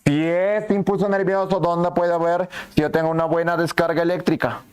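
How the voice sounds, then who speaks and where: A male anatomy teacher giving a lively classroom lecture, asking questions and answering them himself, sometimes voicing the students. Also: a little high, normal speed, clean tone. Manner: asks and answers his own questions, plays the students' lines too.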